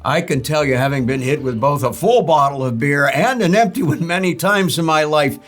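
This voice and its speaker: A man's voice: fairly high pitch, moderate pace, a bit bright, faint music behind, natural voice. A man playing a parody local news anchor, brash, cynical and bluntly sarcastic. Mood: deadpan. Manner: blunt, sarcastic, foul-mouthed.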